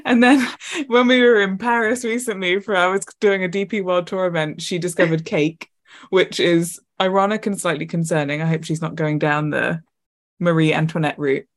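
Chatty woman podcast co-host, slightly low. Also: steady tone. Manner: chatty, quick asides, laughs often. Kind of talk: casual chat.

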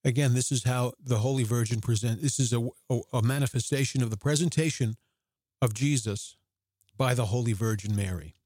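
A man delivers a devotional teaching in an earnest voice of middle pitch. He slows right down when quoting scripture and becomes animated in between. The sound is dry and close, with no room echo. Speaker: podcast host.

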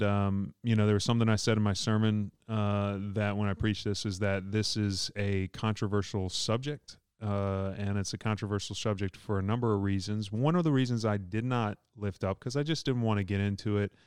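A man's voice: fairly low pitch, fairly even intonation, brisk, hardly any pauses, darkish tone, smooth, no echo, clean studio sound. A man, a pastor, co-hosting a casual talk show with loose, rambling speech and frequent laughter. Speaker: pastor and podcast co-host. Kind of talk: casual chat.

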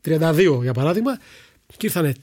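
A middle-aged man with a somewhat high voice recounts his broadcasting anecdotes with gusto. He acts out the people in his stories, shifting his tone as he quotes them. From Greece. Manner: animated storyteller who acts out voices in quotes. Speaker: sports broadcaster, guest. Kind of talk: storytelling in a podcast chat.

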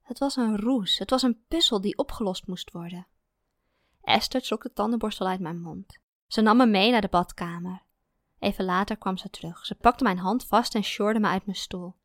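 A woman narrating a first-person story in a calm, even manner. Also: medium pitch, moderate pace, no echo, clean studio sound.

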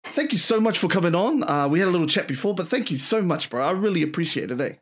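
A man's voice: high voice, big pitch swings, fast, breathy edge. A man chatting casually and slangily as a podcast host. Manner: slangy, says bro often. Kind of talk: casual chat.

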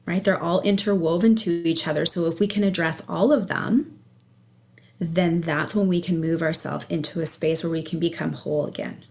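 A woman with a slightly low voice answers as a guest coach in an interview. She explains things conversationally, checking in for agreement as she goes. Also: steady tone, normal speed, darkish tone. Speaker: energy and life coach, podcast guest.

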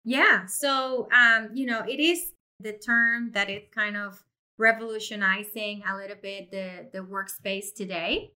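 A middle-aged interview guest from Puerto Rico, the owner of an insurance agency, shares her personal career story expressively and effusively. Her voice is medium in pitch, steady and sharp in tone, and she speaks in an unhurried way.

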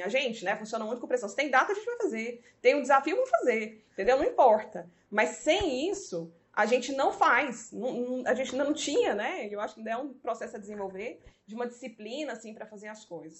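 High-pitched woman guest, chatty storytelling, does the voices when she quotes people. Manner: animated, acts out quoted dialogue. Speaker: guest telling her story. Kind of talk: conversational storytelling.

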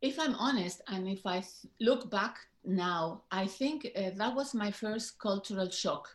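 A woman in her fifties with a Spanish accent speaks reflectively, pausing and restarting her sentences as she searches for words. Her voice sits in a middling range and carries a noticeable room echo. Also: mid-range voice. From Spain. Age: 50s. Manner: reflective, halting with many fillers and restarts. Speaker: guest. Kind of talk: interview conversation.

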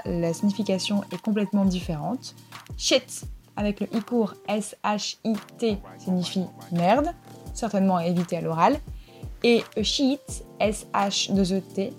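A young woman in her twenties hosting a podcast, teaching English pronunciation in a clear scripted delivery and spelling words out letter by letter. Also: mid-range voice, a little mellow. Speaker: podcast host.

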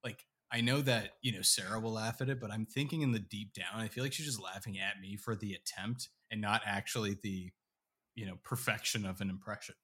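A man's voice: on the low side, brisk, pushed and bright, breathy edge. A man co-hosting a podcast, rambling in casual chat with lots of fillers.

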